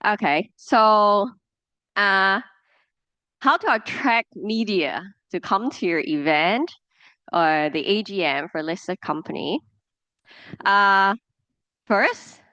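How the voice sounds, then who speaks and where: A lecturer with a Hong Kong accent, a native Cantonese speaker, gives a classroom presentation and explains with examples, using many fillers and restarts. Her voice sits on the low side and sounds pushed and bright, in a dry recording.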